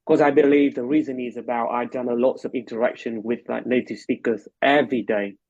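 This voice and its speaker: A medical lecturer and English tutor with a Vietnamese accent hosts a casual chat, giving a conversational introduction hesitantly, with many fillers and restarts. He has a medium-pitched, slightly mellow voice, steady in tone and fairly quick. No echo, and the highs are cut off.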